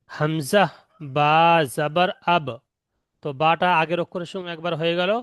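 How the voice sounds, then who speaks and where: A man teaching Quran recitation rules in an online lesson, explaining slowly and patiently and repeating each step. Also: a little high, clean tone, dry recording, studio quality.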